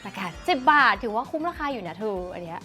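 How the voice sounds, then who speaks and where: A woman's voice: mid-range voice, very animated, quick pace, over music. A young woman chatting casually as she tastes and reviews snacks, exclaiming as she eats. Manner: chatty, exclaims while tasting. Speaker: food reviewer. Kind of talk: casual food review vlog.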